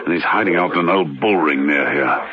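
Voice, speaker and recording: An actor playing a suave, unflappable, teasing gentleman secret agent in a radio drama, on a lo-fi recording. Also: a bass voice, expressive, fairly quick, a crowd in the background. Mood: teasing, composed.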